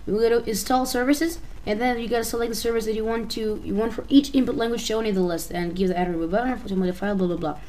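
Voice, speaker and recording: A woman's voice: fairly high pitch, steady tone, quick pace, few pauses, a little mellow, poor audio. A woman from Albania with an Albanian accent, a native Albanian speaker, narrating a casual screen-recording tutorial in a hesitant way, often restarting and correcting herself. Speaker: tutorial maker.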